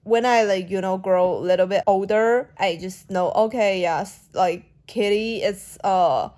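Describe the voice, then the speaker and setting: Quiet slow-speaking woman with a Chinese accent. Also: medium pitch, steady tone. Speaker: vlogger. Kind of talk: casual late-night vlog.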